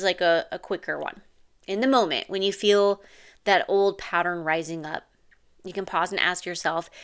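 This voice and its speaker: A woman who is a mother and parenting coach, giving earnest, confiding advice straight to her viewers and often checking in with a quick "okay?". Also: medium pitch, fairly bright tone, clean tone. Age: adult mother. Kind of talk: direct-to-camera advice talk.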